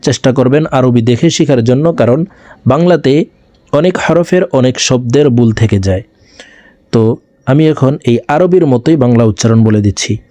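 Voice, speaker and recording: A man teaching viewers to recite a fasting intention, speaking slowly and drawing out each phrase for them to repeat. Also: mid-range voice, lively intonation, warm tone, dry recording. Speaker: religious teacher. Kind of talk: slow recitation lesson.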